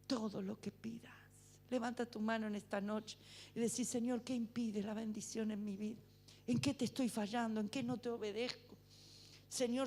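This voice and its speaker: A woman preaching a fervent sermon in church, building to shouted exhortations. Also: fairly high pitch. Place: church sanctuary.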